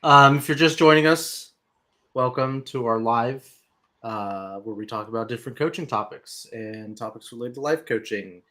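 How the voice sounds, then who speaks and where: A man hosting a casual livestream chat over a video call, with a dry, self-mocking, low-key way of talking. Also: moderate pace, bright, forceful tone. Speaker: livestream host.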